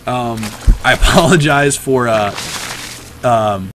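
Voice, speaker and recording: A man's voice: mid-range voice, takes it slowly, noisy background. A very tired man casually commenting on a replay of his own match late at night, rambling with many ums and uhs.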